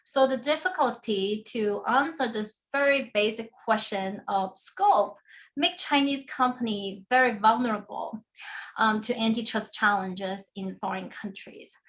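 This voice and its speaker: Woman lecturing with measured explanations. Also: fairly high pitch, a bit bright. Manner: measured, explanatory, frequent "um" and "right?" tags. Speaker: law professor giving a book talk. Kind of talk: academic lecture with slides.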